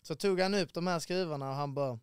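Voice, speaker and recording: Recorded cleanly in the studio with no echo, a Swedish guy in his twenties tells a travel tale on a podcast. His voice sits a little high and rings clear and resonant, and as a lively storyteller he mimics the people he encountered while chatting casually.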